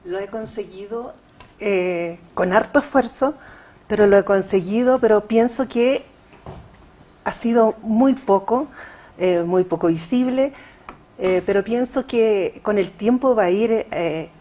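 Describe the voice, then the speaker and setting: Her voice is warm and medium in pitch, a little slow, as this Chilean poet, appearing as an interview guest, replies to questions. She hesitates a lot, filling pauses and restarting her thoughts. The recording's high frequencies are cut off.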